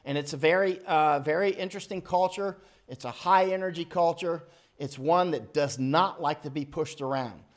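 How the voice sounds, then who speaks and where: American guy rambling on a livestream, reads comments out, slightly high voice, keeps restarting. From United States. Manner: rambling, restarts often, gets loud and heated. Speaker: livestream host reading viewer comments. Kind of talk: casual livestream talk.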